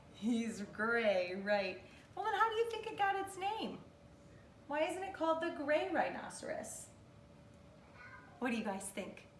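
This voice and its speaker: This reading-aloud session features a kindergarten teacher in her thirties with a slightly high voice, expressively guiding young children and asking them questions. It was recorded indoors at home in the living room from a few metres away, leaving a roomy, distant sound and faint noise.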